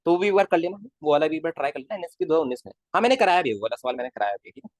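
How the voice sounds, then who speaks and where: In a casual live online class, a male physics teacher keeps coaxing his students with constant questions and calls them kids. His fairly high voice is very animated and rapid-fire, and the recording is dry.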